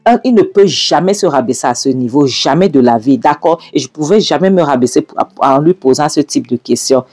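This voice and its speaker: A woman's voice: deep voice, animated, a little fast, darkish tone, husky. A woman voicing a mother who defends her partner and pleads for help. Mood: defensive.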